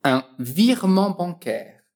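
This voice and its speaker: A woman teaching a French lesson, encouraging the listener and drilling phrases slowly and precisely for them to repeat. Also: fairly low pitch, sing-song, a little mellow.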